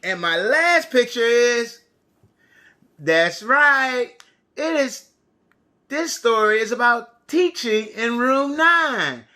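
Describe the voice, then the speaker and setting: With an extremely high pitch, lively intonation and a sharp tone, an American preschool and kindergarten teacher speaks slowly to young children on a TV lesson. He tells stories and counts in a toddler-reading style, full of simple questions and repetition.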